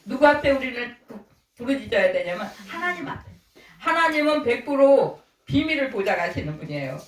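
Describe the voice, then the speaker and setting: A woman's voice: a little high, very animated, a little fast. A middle-aged woman pastor preaching a conversational sermon, asking her congregation questions and acting out little quotes. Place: small church sanctuary. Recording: echoey church hall, distant mic.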